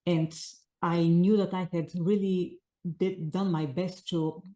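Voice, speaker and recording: This author guest, a woman in her forties from Bulgaria, replies to interview questions in sincere, flowing sentences, her Bulgarian accent evident. Her voice is on the low side, dark and steady, and she takes her time.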